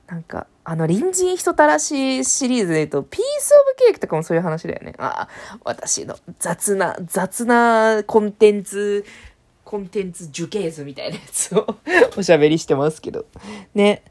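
Rambling woman chatting solo, lively pitch. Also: moderate pace. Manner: rambling, many fillers, thinks aloud. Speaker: podcast host. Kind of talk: casual solo chat about TV dramas.

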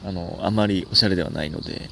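A young man with a Kansai accent, hosting a casual solo comedy podcast, rambling and self-mocking with sudden animated outbursts. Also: sits low, quick pace, creaky, a little hiss or hum.

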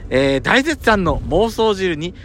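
High, camp, auntie-like man, road noise. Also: sing-song, a little slow, fairly bright tone. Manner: camp, auntie-like feminine phrasing, teasing. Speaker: podcast host reading listener letters. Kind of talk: casual banter and letter reading in a car. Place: inside a car being driven. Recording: road noise inside moving car. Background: road and engine noise.

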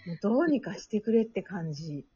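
A woman's voice: mid-range voice, sing-song, brisk, warm tone, faint music behind. A woman chatting casually as a radio guest with short reactions, on dull lo-fi audio.

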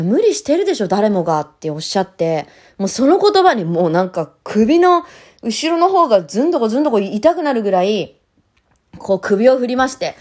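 Woman podcaster, casual heartfelt monologue, animated intonation, talks straight to listeners. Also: on the high side. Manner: candid and reflective, talks to listeners directly; many soft fillers and restarts. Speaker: podcast host, single mother.

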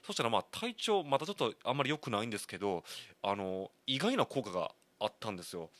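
Lively Kansai man in his thirties. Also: on the low side, fast, dry recording. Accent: Kansai Japanese. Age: 30s. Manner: candid, rambling storyteller. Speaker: podcast host. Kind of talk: solo talk monologue.

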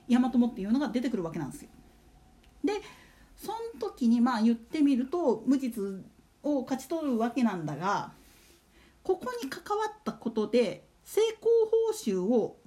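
A woman's voice: on the high side, warm tone. A woman hosting a casual solo talk show, chatting and putting rhetorical questions to her listeners. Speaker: solo radio talk host.

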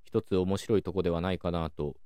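Calm low-voiced man explaining. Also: a little hiss or hum. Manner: measured, explanatory, many soft fillers. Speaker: podcast host. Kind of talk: calm solo educational talk.

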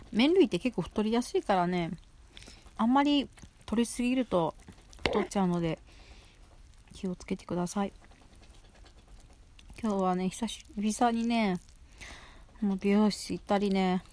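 A woman's voice: medium pitch, normal speed, long pauses, darkish tone. A woman hosting a solo show in casual, rambling chat, chewing as she talks with food in her mouth and often repeating phrases. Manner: chewing while talking, mouth often full. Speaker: solo audio show host. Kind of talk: casual chat while eating.

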